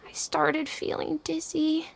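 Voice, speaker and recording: Very high, creaky sick little child. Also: female voice, monotone, a little hiss or hum, exaggerated voice. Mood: meek, confused. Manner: slow, plaintive, hesitant. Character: sickly, naive, fretful little child. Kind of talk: video game voice acting. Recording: game audio with background music.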